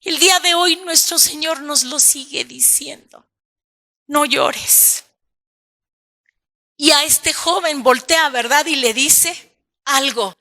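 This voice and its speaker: High, bright-voiced woman preaching slowly. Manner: emphatic preaching with repeated phrases, addressing listeners as brother. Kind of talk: sermon.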